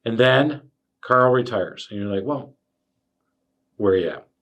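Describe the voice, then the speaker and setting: A man telling his own workplace stories as a podcast host, animated and full of fillers. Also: medium pitch, unhurried, dull audio. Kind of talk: casual storytelling chat.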